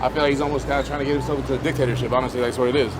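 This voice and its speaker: A man's voice: mid-range voice, little pitch movement, rapid-fire, low-quality recording. A man from El Salvador answering a street interviewer with guarded, short replies that trail off. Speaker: passerby being interviewed. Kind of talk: casual street conversation.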